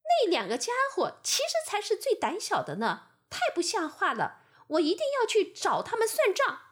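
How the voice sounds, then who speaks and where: A woman voicing an angry male bull, quick-tempered and ready to fight, in a storybook tale. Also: very high-pitched, huge pitch swings, pitched above the performer's own voice, exaggerated voice. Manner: angry, fast, heated.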